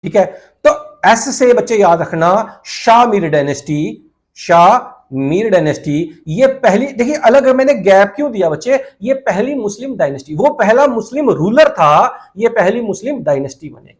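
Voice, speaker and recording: High-voiced exam tutor lecturing. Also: male voice, lively intonation, normal speed. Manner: addresses students as "kids", repeats key points, asks and answers his own questions. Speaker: exam coaching teacher. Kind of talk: classroom lecture.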